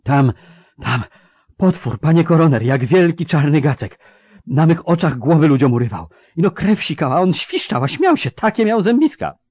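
A man voicing a terrified male mercenary who reports in a high, panicked voice. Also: very animated, moderate pace, darkish tone, husky, no room sound, studio quality. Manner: panicked, stammering, high-pitched.

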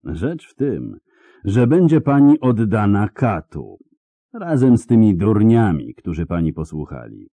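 A man's voice: low-pitched, very animated, takes it slowly, few pauses, warm tone, dry recording, pitched above the performer's own voice, exaggerated voice. A man voicing a menacing imperial coroner in an audiobook reading, drawling, venomous and threatening.

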